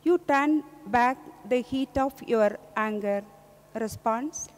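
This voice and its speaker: A woman's voice: fairly high pitch, slow. A woman solemnly reading scripture aloud as a lector in a church. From India. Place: large indoor church, at a lectern. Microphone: gooseneck microphone on lectern. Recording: echoey church reverb.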